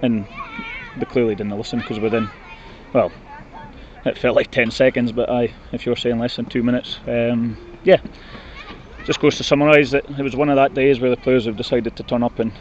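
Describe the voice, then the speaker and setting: A Scottish man giving a post-match interview as a football manager, blunt and disappointed, speaking haltingly. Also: medium pitch, steady tone. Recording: muffled, noisy outdoor recording with traffic.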